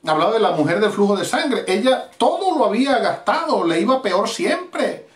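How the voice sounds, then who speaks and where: Streaming live, a middle-aged Venezuelan pastor delivers a fervent evangelistic sermon packed with emphatic repetitions. His high voice swings widely in pitch at a moderate pace, and the room sounds spacious.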